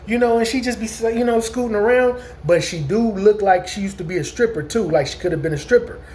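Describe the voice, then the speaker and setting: A man's voice: high-pitched, fast, darkish tone, a little hiss or hum. A man in his late forties telling a long, rambling story in a casual vlog, restarting sentences and asking his listeners whether they follow. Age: 40s. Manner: rambling, repeats "you know what I'm saying", frequent restarts. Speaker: vlogger.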